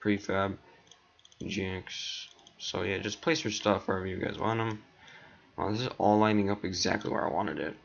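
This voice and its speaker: A man with a low, fairly even voice and vocal fry talks at normal speed through a casual screen-recorded tutorial. Recorded on a dull lo-fi mic, he rambles with lots of ums as he clicks through the steps, his voice cracking now and then.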